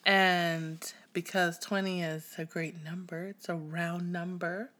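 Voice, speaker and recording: Woman, from Tanzania, podcast co-host, unhurried pace, playful banter. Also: on the low side, flat delivery, pushed and bright. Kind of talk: casual chat.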